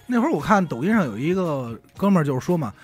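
High, husky, fast-talking Beijing man. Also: sing-song, faint music behind. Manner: colloquial storyteller, sweary. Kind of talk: casual chat.

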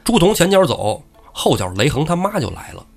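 A podcast host retells a classic tale in a casual, lively way, acting out each character. His voice is a little high, brisk and creaky, with soft music playing behind him.

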